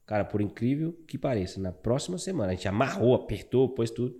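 A Brazilian man in his thirties, a barber, telling his story as a guest in a casual interview, animated and calling the listener "cara". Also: mid-range voice, fast. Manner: animated, fills talk with "cara".

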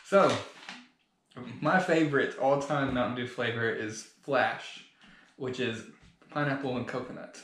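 A young man co-hosting a podcast, talking in a relaxed, conversational way. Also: mid-range voice, measured pace, roomy sound, slight background noise. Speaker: podcast co-host. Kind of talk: casual chat.

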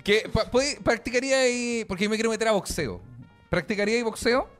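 A man's voice: extremely high pitch, fast, fairly bright tone, faint music behind. A young man with a Chilean accent, chatting casually as podcast co-host in crude slang, laughing often. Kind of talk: casual chat.

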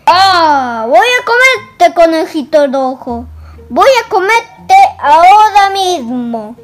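Man voicing a big bad storybook wolf, hungry and wicked, loud growling shouts, high voice, unhurried. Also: expressive, full character voice. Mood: menacing. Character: huge wicked hungry male wolf with a speech defect.

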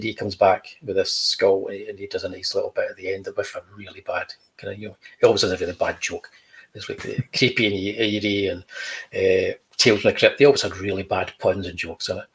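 A man's voice: fairly low pitch, level tone, brisk, gravelly, fairly bright tone, poor audio. A man, a comic book creator talking casually and showing his artwork, chatty with dry humor.

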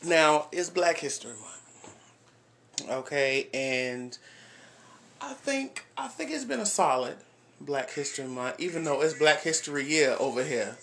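A man in his twenties hosting a casual podcast, animated and hyped, full of slang and exclamations. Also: on the high side, a little slow, gravelly, slight background noise. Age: 20s. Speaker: podcast host.

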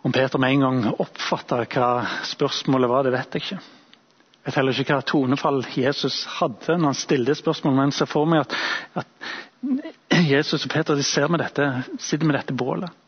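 A male preacher giving a sermon, retelling a Bible story in a reflective, imaginative way with thoughtful pauses. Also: medium pitch, husky, lo-fi sound.

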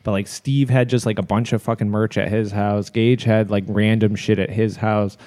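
A man's voice: fairly low pitch, flat delivery, normal speed, darkish tone. A man co-hosting a podcast in casual, informal chat, recorded in an echoey, bare room. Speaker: podcast co-host. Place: basement studio with wood floors and brick walls. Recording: echoey, unfurnished basement room.

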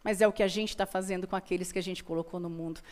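A Brazilian woman with a low, mellow voice speaks very fast and fairly evenly. As a motivational guest, she tells personal stories earnestly and emphatically, repeating phrases for effect.

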